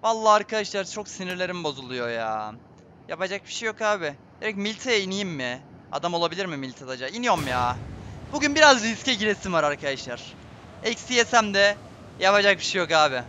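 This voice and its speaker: A young male gaming streamer with a high voice talks fast over a faint hiss or hum, narrating his own gameplay live. He mutters his plans, then bursts out in frustration, excitable and constantly addressing his viewers.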